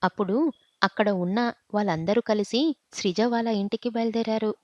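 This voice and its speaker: A woman narrating an emotional audiobook story in a steady, emotive way, in a dull, dry recording. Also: medium pitch, normal speed, no room sound.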